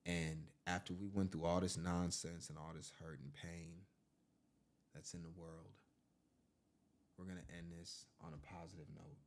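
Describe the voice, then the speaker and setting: A low-pitched man hosting a casual livestream, talking straight to his viewers like family. His delivery is loose and conversational, with frequent asides. It sounds like a close home streaming mic. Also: little pitch movement, normal speed, pauses often, slight background noise. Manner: chatty, addresses viewers as family. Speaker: livestream host. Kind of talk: casual crime-news stream commentary.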